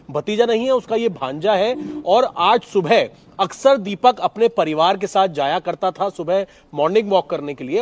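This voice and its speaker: Guy reporter live on location, high voice, fluent explaining. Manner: explanatory, fluent, some repeated phrasing. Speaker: field reporter.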